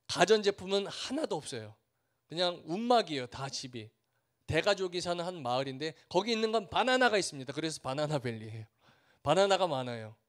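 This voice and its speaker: A man preaching a sermon as a missionary, earnest, building through repeated phrases and acting out the villagers he meets. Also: sits high. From Korea. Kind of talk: sermon with storytelling.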